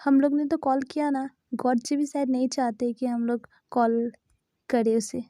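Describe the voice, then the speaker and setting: A timid young man, voiced by a woman, who frets and begs in a high, mellow tone. He is scared of every call and pleads to be spared. The recording is close and dry, as in a storybook fan dub. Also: level tone, normal speed, no echo, lightly acted. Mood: nervous. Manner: anxious, pleading.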